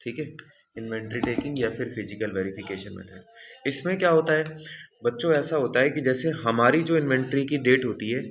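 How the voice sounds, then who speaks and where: A man's voice: mid-range voice, a little fast, noisy background. A male accounting teacher lecturing a classroom, repeating answers back and quizzing students as he goes. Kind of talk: classroom lecture with call-and-response.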